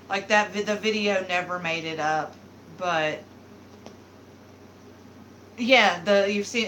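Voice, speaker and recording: Her voice is medium-pitched with a sharp tone as she hosts a live beauty stream, casually rambling through viewer comments with lots of fillers. She's in her thirties, from the American South, with a light Southern accent. The recording is rough, with slight background noise.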